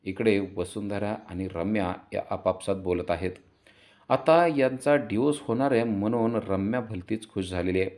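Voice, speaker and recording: A man's voice: lowish voice, normal speed, a little mellow. A man narrating a TV serial episode recap, voicing all the characters.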